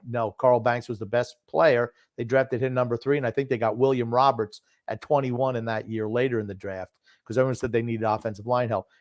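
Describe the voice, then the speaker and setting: A man's voice: mid-range voice, a little mellow, no echo. An older man talks sports casually in a mid-range voice. He gives firm opinions, drifts into reminiscence and repeats key phrases for emphasis. The sound is dry, with hardly any room. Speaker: sports talk show host known as the grumpy old man.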